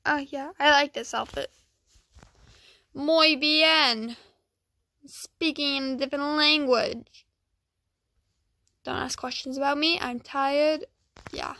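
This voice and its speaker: Young woman gamer chatting quietly, just woke up n tired, high voice w lots of fry. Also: steady tone, unhurried, dry recording. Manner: quiet, hushed, so as not to wake someone asleep. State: tired, just woken up, dry-throated. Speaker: gaming vlog host. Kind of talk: casual gameplay chat. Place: indoors at home.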